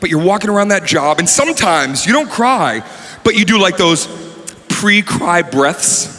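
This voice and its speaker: Stand-up comic, man, high lively voice, punchy delivery, roomy stage sound with a faint hum. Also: unhurried. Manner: animated, shouting punchlines. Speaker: stand-up comedian. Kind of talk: stand-up routine.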